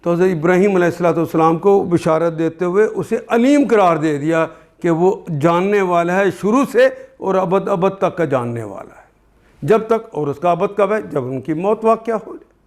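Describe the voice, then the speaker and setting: An older man with a Pakistani Urdu accent gives a word-by-word Quran translation lesson. His voice sits somewhat high, and he speaks slowly and deliberately, repeating each term as he explains it. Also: a little mellow. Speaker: Quran teacher.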